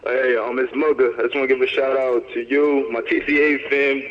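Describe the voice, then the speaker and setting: A man calling in to a radio show, talking quickly and humbly, a bit overwhelmed. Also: mid-range voice, little pitch movement, highs cut off, a little hiss or hum. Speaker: caller, rapper. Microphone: phone call.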